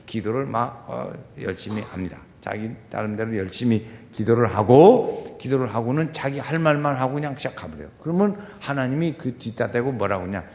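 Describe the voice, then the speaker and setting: A male pastor preaching a sermon, dropping to quiet murmurs and rising to shouted pleading as he acts out prayers. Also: mid-range voice, animated, fairly quick, hardly any pauses, in a large hall.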